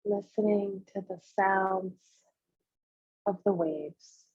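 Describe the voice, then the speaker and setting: As a meditation guide, a woman leads a visualization with slightly husky, medium-pitched speech, keeping a steady tone through short, unhurried instructions and pauses. The recording comes across muffled and echoey in a roomy space.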